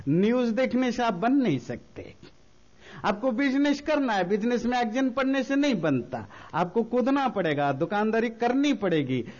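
A man giving a spiritual talk, explaining slowly with everyday examples and mixing English phrases into his speech. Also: high voice, darkish tone, highs cut off. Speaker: spiritual teacher.

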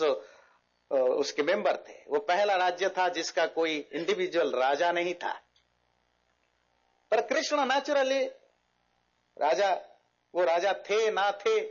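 A man with a high voice retells old epic tales, animated and mixing in English words. The recording is dull and lo-fi. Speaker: spiritual speaker. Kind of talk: storytelling talk.

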